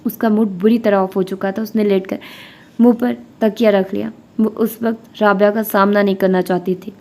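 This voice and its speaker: Woman, audiobook narrator, scripted novel reading, flat pitch, steady.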